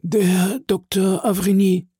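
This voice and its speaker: A man voicing a faithful old male servant who is stricken and failing, speaking in a slow, breathy, pained voice for a storybook reading. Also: high voice, level tone, warm tone, no room sound, clean studio sound, pitched above the performer's own voice, full character voice. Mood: weary.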